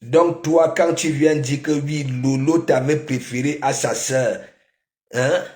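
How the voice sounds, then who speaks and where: Slow, scolding man with an echo. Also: mid-range voice, steady tone, darkish tone. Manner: repeats phrases with constant "hein?" rhetorical questions. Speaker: online commentator. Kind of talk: scolding gossip commentary to viewers.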